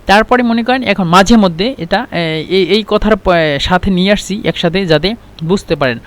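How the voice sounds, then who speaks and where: Man, high-pitched voice, Bangladeshi Bengali accent, teaching tone, restarts and repeats phrases. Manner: explains slowly with many restarts and fillers, repeats example phrases. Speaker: Arabic teacher. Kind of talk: spoken language lesson.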